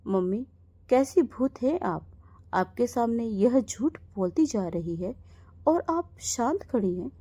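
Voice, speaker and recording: A woman's voice: on the high side, expressive, slow pace, dark tone, no room sound, heavily acted. A woman voicing a young husband who mocks and confronts his wife in a storybook tale. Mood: mocking. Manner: mocking, commanding. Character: young husband, calm, mocking, in control.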